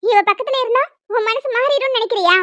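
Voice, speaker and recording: A woman voicing a bossy pregnant young cartoon woman, her voice pitched very high and almost childlike as she firmly talks others round. The sound is dull and lo-fi, dry and close. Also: fast talker, sharp tone, no room sound. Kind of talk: cartoon dialogue.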